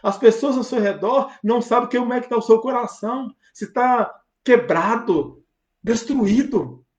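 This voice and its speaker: Speaking at a measured pace in an extremely high-pitched voice, a Brazilian Portuguese–accented pastor delivers a fervent, emphatic sermon full of rhetorical questions. It's captured in a roomy, dull, lo-fi recording.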